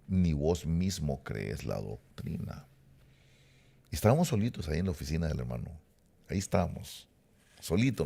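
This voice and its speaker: A man's voice: deep voice, a little mellow, husky. A middle-aged man preaching a sermon, emphatic and repetitive, speaking straight to his listeners. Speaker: pastor.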